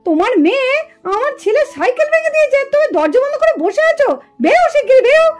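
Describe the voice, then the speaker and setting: A woman voicing an angry, scolding village mother in a doll puppet show, talking in a shrill, accusing way. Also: very animated, fast, darkish tone.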